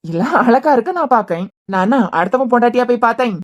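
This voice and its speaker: A woman's voice: fairly high pitch, expressive, dull audio, close to an everyday voice. A woman voicing a love-struck young husband who grumbles and teases, with a Kanyakumari Tamil accent. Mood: cheeky. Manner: cheeky, grumbling, quick. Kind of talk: cartoon web series voice acting.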